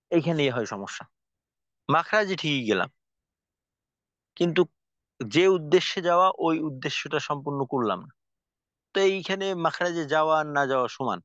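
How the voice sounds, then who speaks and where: Man, recitation teacher, patient sound demonstrations, slightly high voice, dull dry recording. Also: dry recording. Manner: patient, demonstrates sounds by repeating them slowly. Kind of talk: spoken lesson on pronunciation.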